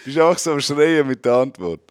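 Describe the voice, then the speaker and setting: Playful Swiss German host, fairly high voice. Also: male voice, animated, brisk, smooth, no room sound, clean studio sound. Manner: playful, laughs often, bursts into shouting to act out jokes. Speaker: podcast host. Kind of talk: casual chat.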